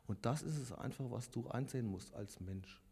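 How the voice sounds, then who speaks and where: With a warm, husky, mid-range voice and vocal fry, a man in his fifties speaks at normal speed as a lay preacher. He gives an earnest, confessional testimony directly to the congregation, and the hall adds long reverb.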